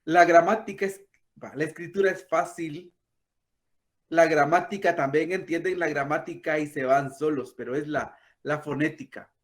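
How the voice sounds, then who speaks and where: A man, a language teacher patiently explaining and softly demonstrating throaty sounds. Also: fairly high pitch, moderate pace. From Guatemala. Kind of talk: explanatory talk.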